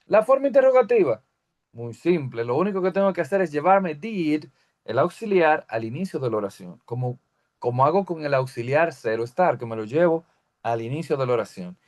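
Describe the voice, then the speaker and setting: Male teacher, slightly high voice, patient step-by-step grammar explainer. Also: sing-song, darkish tone. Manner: explains step by step, reads English examples slowly. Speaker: English teacher. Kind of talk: recorded grammar lesson.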